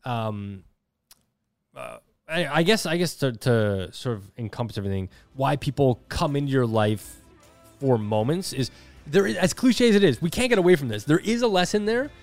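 A man's voice: medium pitch, animated, moderate pace, no room sound, faint music behind. Candid man in his thirties, casual podcast talk. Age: 30s. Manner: candid, self-deprecating, swears casually. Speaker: podcast co-host. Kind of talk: casual reflective chat.

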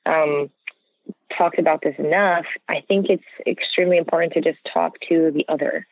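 Over a narrow, tinny phone connection with no echo, an American guest in an interview explains points in an earnest, conversational way, regularly asking "right?". The voice is mid-range and steady, with vocal fry and a normal speaking speed.

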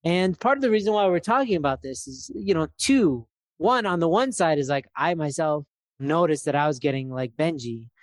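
A man's voice: a little high, expressive, normal speed, dry recording, studio quality. A man in his thirties, co-hosting a podcast in casual chat, talking in a loose, reflective way with many fillers. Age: 30s. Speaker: podcast co-host.

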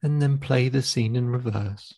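Gravelly-voiced man guiding a visualization. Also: medium pitch, dry recording, studio quality. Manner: slow, calm, instructive pacing with counted cues. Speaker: therapist guiding a client. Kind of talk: guided visualization exercise.

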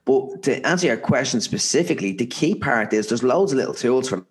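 A man's voice: mid-range voice, lively intonation, fairly quick. A man with an Irish accent talking as a motivational interview guest, earnest and emphatic, repeating phrases for stress. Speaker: podcast guest, author and speaker.

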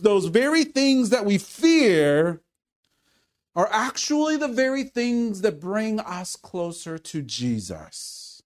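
A man preaching a sermon in an earnest, conversational way, now and then calling out loudly. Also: high voice. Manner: earnest, conversational preaching with sudden loud calls. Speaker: pastor.

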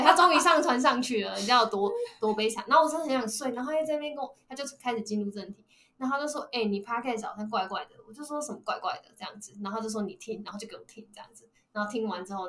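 A young woman speaks in quick bursts, running her podcast like a chat with a friend. Her voice sits a little high, and she tells her story in an animated way, acting out each line of dialogue as she goes. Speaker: podcast host. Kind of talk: casual chat.

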